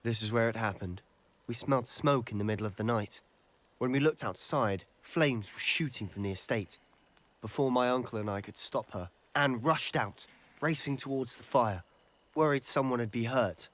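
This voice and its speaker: A man's voice: mid-range voice, fairly bright tone, close to an everyday voice. An actor playing an earnest young male wizard student, in video game dialogue. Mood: somber. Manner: earnest, measured storytelling.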